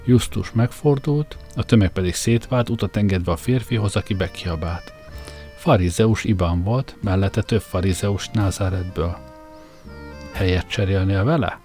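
Guy reading a funny audiobook, low voice, dry wry tone, faint music behind. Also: darkish tone. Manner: wry, comic first-person storytelling. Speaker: narrator. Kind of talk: audiobook narration.

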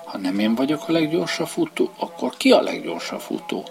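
A boastful young hare bellows his claims in a lifted, lively voice, as a man puts him on. The storybook delivery swings up and down, with a gravelly edge underneath. Violin music plays clearly behind him. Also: a little high, voice pushed up, exaggerated voice. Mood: questioning. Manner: loud boastful shouting. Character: boastful little male hare, eager and cocky.

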